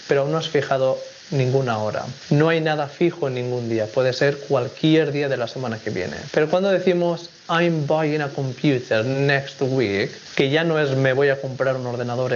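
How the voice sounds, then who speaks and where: A man's voice: on the high side, darkish tone, slight background noise. Man teaching English on dull video audio. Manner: clear, measured explanations with slow English examples. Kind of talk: recorded video lesson.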